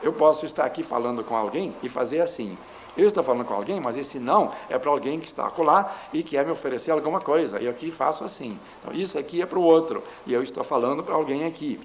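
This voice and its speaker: A man giving a measured lecture, explaining with examples. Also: a little high, lively intonation, low-quality recording. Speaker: linguistics lecturer. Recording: faint background noise.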